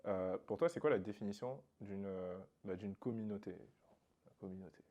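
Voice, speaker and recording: A man hosting a casual interview, relaxed and agreeable, often chiming in with agreement. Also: lowish voice, moderate pace, muffled recording. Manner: relaxed, frequent backchannel agreement. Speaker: interviewer, host.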